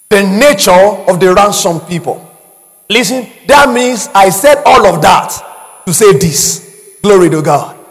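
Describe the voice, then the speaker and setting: Man, pastor, sermon, very high voice, lively swooping pitch, call-and-response. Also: in a large hall. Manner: preaching with call-and-response and frequent shouting.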